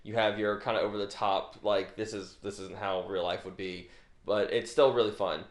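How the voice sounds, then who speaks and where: An upbeat man rambling through a casual film chat, often restarting his sentences. His voice sits on the low side. He sounds like he is in an echoey room. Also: steady tone, moderate pace. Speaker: podcast co-host.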